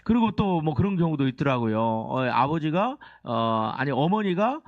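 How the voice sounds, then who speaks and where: A man's voice: a little high, normal speed, dry recording, highs cut off. A male pastor preaching a Sunday sermon in a church, keeping the congregation engaged with questions and leading call-and-response reading. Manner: animated, keeps asking the congregation questions. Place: church sanctuary.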